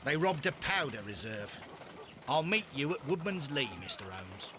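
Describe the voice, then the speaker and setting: A man's voice: fairly high pitch, very animated, normal speed, pushed and bright, slight background noise. A man playing an eager, deferential Victorian police inspector in a video game, briefing expressively in a British accent. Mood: businesslike.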